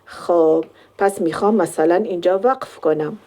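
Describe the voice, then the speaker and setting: A woman teaching a Quran recitation lesson, explaining step by step and drawing out the sample words slowly. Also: on the low side, dark tone.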